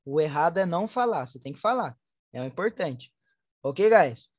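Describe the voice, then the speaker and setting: A woman with a Brazilian Portuguese accent, teaching an online English class, switching between Portuguese and slowly spoken English examples. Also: lowish voice, expressive, breathy edge, no room sound, dull audio. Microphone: online class headset or computer mic.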